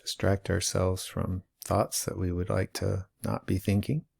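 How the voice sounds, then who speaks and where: Slow, gravelly, mellow-voiced man. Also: low-pitched. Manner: slow and calm, with long pauses. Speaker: mindfulness teacher. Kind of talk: guided awareness talk.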